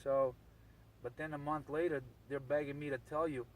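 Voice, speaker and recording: A man's voice: on the high side, level tone, normal speed, a little hiss or hum. A man chatting over CB radio in an aggrieved, blunt way, repeating himself for emphasis. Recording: distant voice from the mic.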